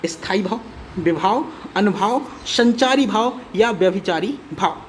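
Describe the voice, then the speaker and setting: A man's voice: sits high, lively intonation, a little slow, slight background noise. A man teaching a lesson for exam preparation, chatty and reassuring, often checking that his students follow along. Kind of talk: exam-prep lecture.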